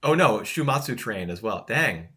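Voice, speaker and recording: A man co-hosting a podcast, chatting casually about anime, relaxed and quick to laugh. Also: mid-range voice. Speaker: podcast co-host. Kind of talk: casual chat reviewing anime.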